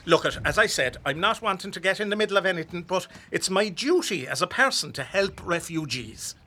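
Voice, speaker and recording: An actor playing an earnest, meddling Irish do-gooder nephew who is evasive and well-meaning, in a radio comedy. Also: male voice, sits high, expressive, brisk, pushed and bright, exaggerated voice.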